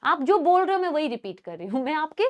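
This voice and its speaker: A woman teaching a class, mixing Hindi and English. She asks questions and answers them herself, and repeats key words slowly so students can write them down. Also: sits high, very animated. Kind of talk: classroom lesson, dictating notes.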